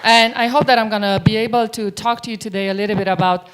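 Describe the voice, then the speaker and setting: A middle-aged Romanian woman delivers a keynote from the stage of a large conference hall into a stage mic, chatty and often putting questions to the audience. Her medium-pitched voice is steady, fast and a bit bright. Some chatter sits behind her, along with a little hiss or hum.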